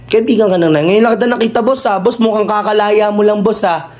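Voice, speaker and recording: A man's voice: sits high, fast, darkish tone. Mock-polite man saying boss. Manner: repeats "boss" in nearly every line, mock-polite then swearing. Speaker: comedy skit creator. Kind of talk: comedic skit acting.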